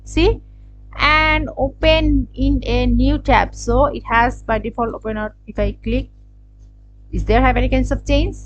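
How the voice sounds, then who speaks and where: A woman from Bangladesh with a Bangladeshi English accent, hosting a screen-recorded software tutorial, hesitant and thinking aloud with many fillers. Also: high-pitched, lo-fi sound, a little hiss or hum. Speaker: tutorial channel host. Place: indoors at a computer.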